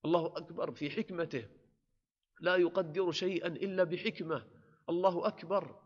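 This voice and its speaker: A man's voice: a little high, fairly even intonation, a little fast. Male preacher in a reverberant hall. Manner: earnest exhortation, rising with emphasis. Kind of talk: sermon. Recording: dull sound with long hall reverb.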